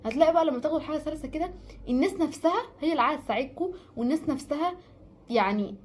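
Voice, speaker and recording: A woman's voice: sits high, expressive, rapid-fire, darkish tone. A woman with an Egyptian accent gives casual life advice to the camera, chatty and repeating words for emphasis. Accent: Egyptian Arabic. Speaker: vlogger giving life advice.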